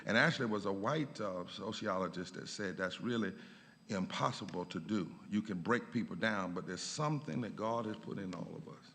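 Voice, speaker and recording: A man, a pastor, giving a lecture in a church, emphatic and rising in pitch on key points. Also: expressive, brisk, fairly bright tone. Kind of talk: lecture with a preaching cadence. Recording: long church reverb.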